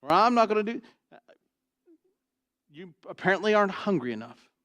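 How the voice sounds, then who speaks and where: Here the same booming, trained pastoral voice preaches expository material in a church sanctuary, asking "Why?" ahead of each answer and alternating forceful stresses with hushed asides. Pitch swings widely, the pace stays moderate, and there's no echo.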